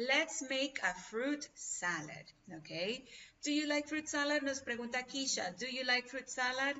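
A woman's voice: fairly high pitch, sharp tone, slight background noise. A Spanish-speaking woman teaching an online English class, encouraging and often checking in with "ok?". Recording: dull lo-fi video call audio, distant from mic.

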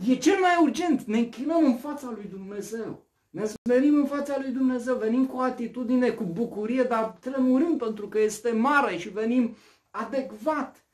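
Man, sermon, high voice, rhetorical, loud then hushed. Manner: animated, rhetorical questions, swings from loud to hushed. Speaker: preacher.

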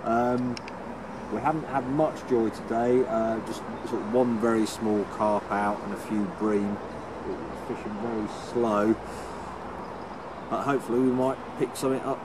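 A man's voice: lowish voice, measured pace. A man, chatting casually to camera about his fishing trips. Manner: chatty, relaxed updates with fishing terms. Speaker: angling vlogger and teacher. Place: outdoors by a lake. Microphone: camera mic at arm's length. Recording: outdoor noise behind voice.

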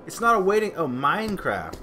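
A man's voice: sits high, very animated, fairly quick, pushed and bright, soft background music. A man streaming a city-building game, chatting casually, rambling, swearing and answering his chat.

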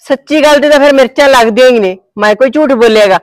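A woman's voice: sits high, quick pace, no room sound, natural voice. An actress with a Punjabi accent playing a sarcastic, scolding middle-aged mother-in-law in a village family drama.

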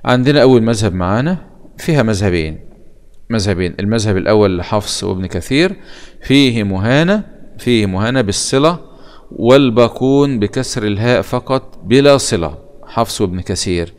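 A man with an Egyptian accent teaching a lesson on Quranic readings, explaining in colloquial speech and chanting verse quotations slowly. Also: on the low side, lively intonation, darkish tone.

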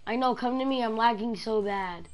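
A woman's voice: a little high, a little fast, a loud crowd. A woman chatting casually with a teammate while gaming, using slangy bro talk. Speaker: video game player. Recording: noisy game mic with clicks.

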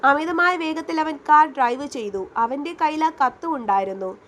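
A woman storyteller reads a romance story aloud, steady and dramatic. Her voice sits high and light. A faint noise runs underneath. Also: normal speed. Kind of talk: scripted story narration.

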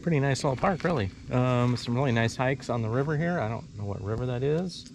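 A man's voice: mid-range voice, a little fast, gravelly, darkish tone, slight background noise. A man in his fifties making laid-back, brief remarks while hiking, recorded on a handheld camera outdoors. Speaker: RV travel vlogger. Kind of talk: casual chat while hiking. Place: outdoors on a forest trail.

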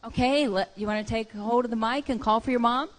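High-voiced woman hosting on stage. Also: fairly quick, background noise. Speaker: event host. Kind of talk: live stage interviewing of children. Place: outdoor fair stage. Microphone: handheld stage microphone.

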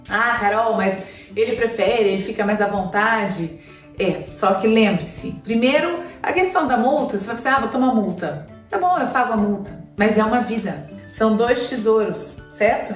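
A Brazilian woman in her thirties, a pet vlogger, sits on a living-room sofa chatting to the camera, giving advice with plenty of filler words. Her voice is slightly high and picked up from a distance. The room sounds spacious and off-mic, with soft music underneath.

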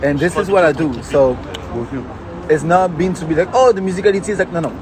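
A young man chatting casually in loose to camera and friends, animated and repeating short phrases. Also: sits high, quick pace. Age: young adult. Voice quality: non-native English with loose grammar. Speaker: vlogger, host. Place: outdoor café terrace on a city street. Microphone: phone at arm's length. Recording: noisy busy street, outdoor café chatter.

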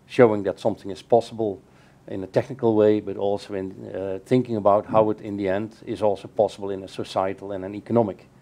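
During a panel discussion, a middle-aged keynote speaker answers questions from a table in a bright room with large windows. His low, mellow voice shows little pitch movement as he lays out his views in a measured way, often restarting his sentences.

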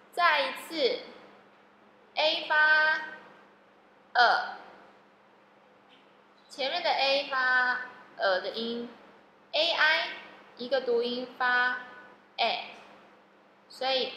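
Slow, echoey woman teaching phonics. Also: sits high, bright, forceful tone, a little hiss or hum. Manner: slow, drawn-out sounding of words, repeating each one. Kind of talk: classroom phonics lesson. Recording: echoey room with long reverb.

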